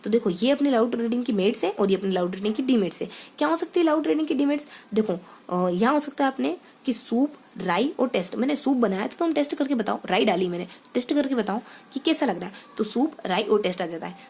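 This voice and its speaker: A woman's voice: a little high, lively intonation, fast talker, few pauses, a little mellow, a little hiss or hum. A young woman teacher speaking English words, explaining exam material through mnemonics and often correcting herself. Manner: explains with mnemonics, repeats points, many self-corrections. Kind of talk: exam-prep lecture.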